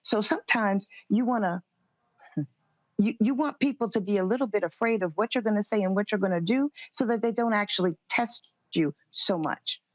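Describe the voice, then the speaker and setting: At a moderate pace and medium pitch, a woman speaks as a guest on a political interview, a conservative commentator whose answers are firm, assertive and guarded. There's no room sound, and the recording is dry, slightly dull and lo-fi.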